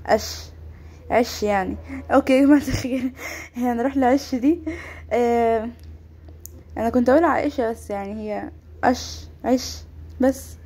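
Young woman, rapid-fire, a bit high, mellow tone, excitable game voice-over. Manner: excitable, exclaiming often. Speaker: gaming YouTuber. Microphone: home microphone voice-over.

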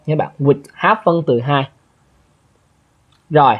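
Reviewing an exam, this male English teacher chats along and keeps checking that his listeners are keeping up. He speaks slowly in a fairly high, slightly rough, narrow voice, captured in tinny audio.

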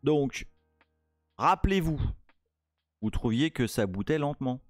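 Excitable French man streaming live code. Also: medium pitch, a little slow, dry recording, studio quality, soft background music. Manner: playful, excitable, reads chat aloud. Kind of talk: casual live-coding stream chat.

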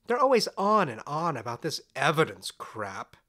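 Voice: medium pitch, very animated, normal speed, pushed and bright. An actor playing Puck's part as a scheming, flamboyant fairy, charming and smug, in a conversational audio drama. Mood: conspiratorial, smug. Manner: theatrical, sly, emphatic.

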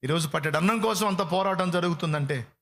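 A man preaching a sermon, impassioned, swinging from loud appeals to hushed pleading. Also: high-pitched, a little fast.

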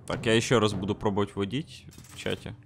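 A man's voice: fairly low pitch, steady tone, quick pace, music in the background. A man chatting casually and jokingly in slang as he plays a horror game. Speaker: gamer. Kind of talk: casual chat while playing a horror game.

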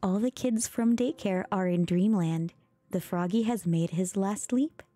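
A woman reads a bedtime storybook aloud in a soft, ASMR-style voice, unhurried and mellow in tone. She slips into whispers now and then and makes mock-exasperated asides, with faint music playing behind her. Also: mid-range voice. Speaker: streamer reading aloud.

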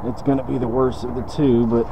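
A man's voice: medium pitch, flat delivery, brisk, vocal fry, very noisy. A man, casually explaining a car detailing task as he works. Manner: laid-back, talks while working. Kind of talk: casual how-to demonstration. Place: detailing shop.

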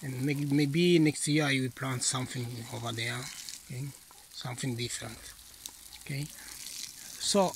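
Middle-aged male non-native English speaker, casual garden vlog on a handheld phone, slow unhurried delivery, light background noise. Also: mid-range voice. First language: not English. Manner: halting, searching for English words. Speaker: gardener vlogger. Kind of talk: casual walk-through vlog. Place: outdoor vegetable garden. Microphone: handheld phone camera.

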